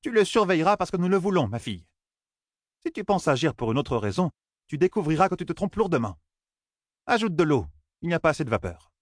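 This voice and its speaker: Male narrator as a scolding elder woman, dry, bossy, raised pitch. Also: sing-song, brisk, pauses often, no echo. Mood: stern, scolding.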